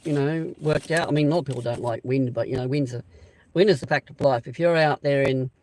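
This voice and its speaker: An Australian man hosting a casual live-stream chat outdoors beside a railway siding, rambling and hesitant with lots of pauses and restarts. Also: mid-range voice, fairly even intonation, a little mellow, slight background noise, poor audio. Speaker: channel host.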